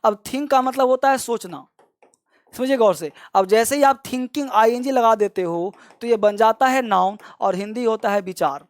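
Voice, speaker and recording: A man's voice: very high-pitched, normal speed, no room sound. A male teacher giving a classroom grammar lesson, explaining step by step and repeatedly telling students to pay close attention. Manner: addresses listeners as kids, explains step by step.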